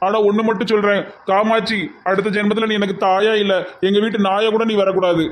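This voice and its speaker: A man's voice: high-pitched, little pitch movement, brisk, lightly acted. A man with a Tirunelveli Tamil accent playing a heartbroken young village man who pleads and wails his complaints in a comic skit.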